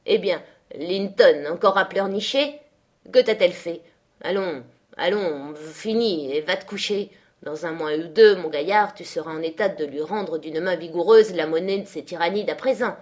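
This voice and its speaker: Harsh, commanding jailer from a storybook reading, slow and loud, put on by a woman narrator. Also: fairly low pitch, natural voice. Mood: gruff commanding. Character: harsh scheming middle-aged man, cold jailer.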